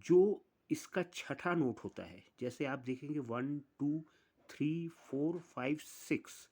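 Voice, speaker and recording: Slow, deliberate male music teacher. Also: fairly high pitch, animated, a little mellow. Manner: slow, deliberate, counts notes aloud one by one. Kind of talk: explaining music theory step by step.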